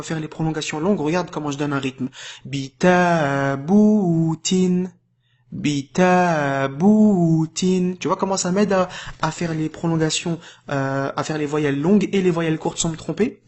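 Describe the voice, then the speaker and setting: A man giving an informal lesson, patiently explaining, checking in often and drawing out syllables slowly when modelling sounds. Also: on the high side, a little mellow, slightly rough. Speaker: Arabic reading teacher. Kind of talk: casual tutorial addressed to the viewer.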